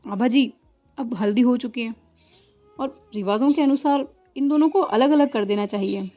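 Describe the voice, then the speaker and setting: A woman's voice: on the high side, normal speed, warm tone, highs cut off, faint music behind, natural voice. A woman voicing a traditional middle-aged mother who insists on customs in a motherly way. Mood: firm.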